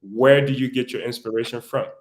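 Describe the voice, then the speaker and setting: A man's voice: medium pitch, fairly quick. A man hosting a live online talk show, interviewing a guest and chatting casually to viewers. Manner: relaxed, conversational, filling time to camera.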